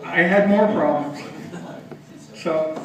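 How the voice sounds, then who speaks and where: A man's voice: a little high, slow pace, a crowd in the background. A man doing a stand-up comedy set in a bar or club, chatty and self-mocking, teasing the audience. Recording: echoey club from far off. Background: audience laughing.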